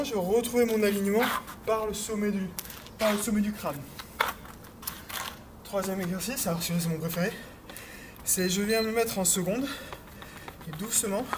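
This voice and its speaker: Man coaching a workout over noise. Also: high-pitched. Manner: hesitant with many fillers, urging and counting beats. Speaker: fitness coach. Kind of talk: workout instruction while exercising. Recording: noisy recording with clicks.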